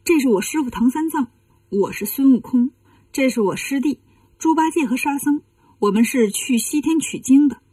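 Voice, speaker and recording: A woman's voice: high voice, expressive, moderate pace, warm tone, breathy edge, no echo, distant mic. A woman voicing a clever, cheeky male monkey king in a children's story, teasing and playful.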